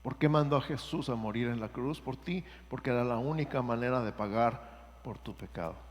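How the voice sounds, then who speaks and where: A man's voice: medium pitch, moderate pace, slight background noise. A man preaching a sermon as pastor and leading a prayer for the congregation to repeat. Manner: earnest, leads a repeat-after-me prayer. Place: church sanctuary. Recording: church hall reverb with music underneath.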